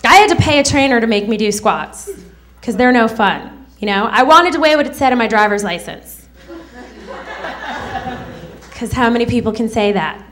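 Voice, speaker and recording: A woman's voice: fairly high pitch, animated, normal speed, pauses often, a bit bright. A woman in her thirties performing a stand-up set on a club stage into a handheld mic, with a sarcastic, snappy delivery. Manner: sarcastic, snappy delivery with mocking character voices. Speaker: stand-up comedian.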